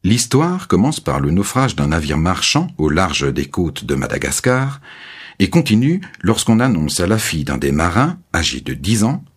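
A man narrating a graded reader story in steady, clear storytelling. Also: deep voice, normal speed.

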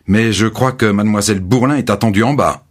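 A man's voice: sits low, very animated, normal speed, fairly bright tone, breathy edge, heavily acted. A man reading the part of an arrogant, bossy male publisher in a spoken story, with stern, curt commands.

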